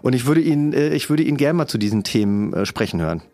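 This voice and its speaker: A man's voice: medium pitch, lively intonation, fast talker, a little mellow, soft background music. A man as a podcast guest, chatting casually with many fillers. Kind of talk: casual interview chat.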